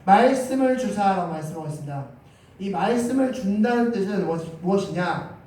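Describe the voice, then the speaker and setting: High-voiced pastor preaching in an echoey church. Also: male voice, animated, fairly quick, dark tone. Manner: emphatic preaching, voice rising for quoted scripture. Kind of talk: sermon. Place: church sanctuary. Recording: very echoey church hall, mic at a distance.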